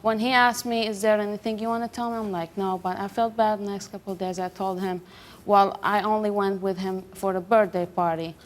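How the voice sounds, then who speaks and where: A young woman from Iraq, a talk show guest who speaks natively and talks in halting English full of restarts. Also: mid-range voice, steady tone. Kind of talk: emotional talk show confession.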